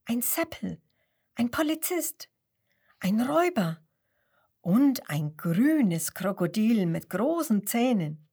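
A woman voicing a gentle, playful mother in a children's storybook reading. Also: a little high, sing-song, slow, slightly rough, exaggerated voice.

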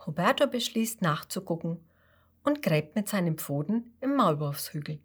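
A woman narrating a children's story in a slow, gentle way. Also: on the low side, husky. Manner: slow and gentle, with lively voices.

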